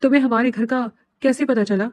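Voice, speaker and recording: A woman voicing a calm, gentle young man who speaks kindly. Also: fairly high pitch, close to an everyday voice. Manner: gentle, surprised.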